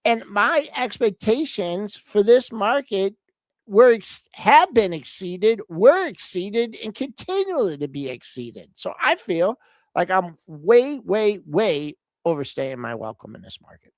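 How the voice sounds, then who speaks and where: An older woman co-hosting a market talk show, speaking in a measured, hesitant way with many fillers and restarts. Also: mid-range voice, very animated, no room sound.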